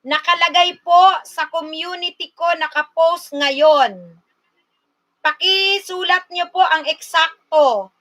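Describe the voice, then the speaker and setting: High-voiced slow-talking woman livestreamer. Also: fairly bright tone. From Bicol, Philippines. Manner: slow, coaxing, addresses viewers directly. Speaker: livestream host. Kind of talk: casual livestream chat with viewers.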